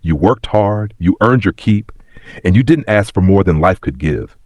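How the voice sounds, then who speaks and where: A man acts out a regretful, very old man reflecting plainly on his life in a read story. The voice is deep and husky, rising and falling expressively. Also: animated, normal speed, darkish tone, dry recording. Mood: nostalgic. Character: wistful, regretful ninety-year-old man telling his past. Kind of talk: scripted story reading.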